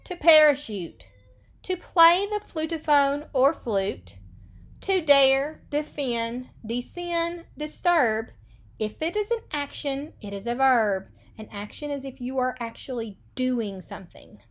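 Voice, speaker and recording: An elementary school teacher in her thirties, with a high, expressive voice, reads a picture book aloud to young children. She goes slowly, stressing key words in a sing-song way, recorded on a webcam in a small room.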